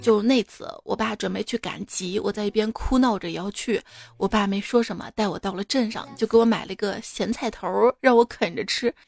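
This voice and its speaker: A woman's voice: mid-range voice, a little fast, gravelly, faint music behind. A woman hosting a comic show, reading out listener jokes with chatty, teasing asides to her audience. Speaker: radio-style host reading listener jokes.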